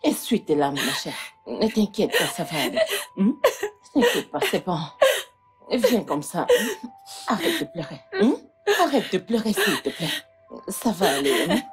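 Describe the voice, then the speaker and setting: A woman's voice: sits high, expressive, moderate pace, faint music behind. A woman voicing a domineering, scornful mother in a French film dub, mocking and scolding. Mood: soothing. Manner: mocking and scolding, then hushed and coaxing. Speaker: mother of the bride.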